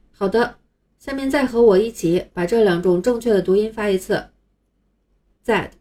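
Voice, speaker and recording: A woman's voice: mid-range voice, dark tone. A woman teaching English letters patiently, step by step, as a scripted online lesson.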